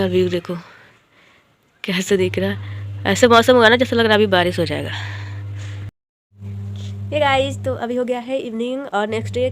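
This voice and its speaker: A young woman chatting in a casual home vlog, telling stories with giggly asides while doing chores, a little unwell. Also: medium pitch. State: feeling unwell. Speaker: vlogger. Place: home, moving between rooms and rooftop.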